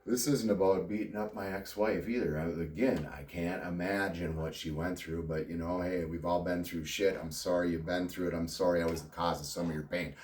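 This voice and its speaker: Deep voiced middle aged guy rambling candidly bout his life, wry laughs, echoey room. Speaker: vlogger. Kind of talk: personal confessional monologue. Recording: roomy sound, distant from mic.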